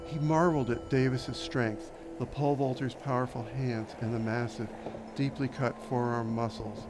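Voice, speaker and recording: A man reading an audiobook in a measured, descriptive narration. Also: medium pitch, fairly even intonation, background noise. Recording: narration over background music.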